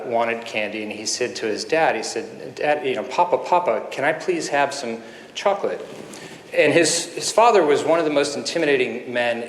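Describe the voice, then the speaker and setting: A man in his fifties, a surgeon giving an earnest keynote speech full of anecdotes, with pauses and fillers, at a podium microphone in a conference hall. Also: medium pitch, slight background noise. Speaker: guest speaker, surgeon. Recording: echoey hall with faint ambience.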